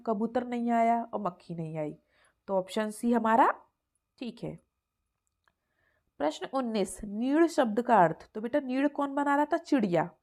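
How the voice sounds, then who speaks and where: Woman teacher, slightly high voice, patient and repetitive, explaining to small children. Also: a little mellow. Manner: patient, repeats answers and calls the listener "beta". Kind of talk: explaining exam answers to young children.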